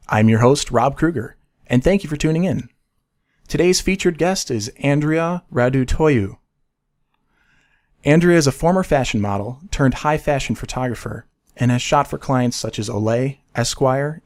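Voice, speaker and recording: A man's voice: medium pitch, moderate pace, darkish tone. A man hosting a casual photography podcast, upbeat and friendly as he reads promos and chats with a guest. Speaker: podcast host.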